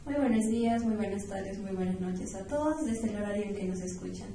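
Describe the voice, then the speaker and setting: A young adult woman from San Román province in Puno, Peru, speaks with a southern Peruvian accent as a university student guest in an interview, giving prepared answers in a formal, recited manner. Her voice is medium-pitched, brisk, and mellow, recorded in an echoey room on a distant mic with faint noise.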